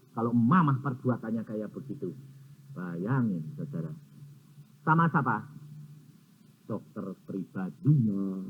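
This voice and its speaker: A man preaching a sermon, telling stories animatedly and acting out both sides of conversations. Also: medium pitch. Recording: tinny phone-like sound with faint noise.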